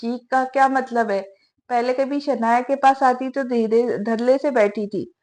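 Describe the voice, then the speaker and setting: A brooding young man from a romance novel audiobook, as a woman reads him, sulky and sarcastic. His lines come out irritated, in a high voice. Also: fairly even intonation, a little mellow, close to an everyday voice.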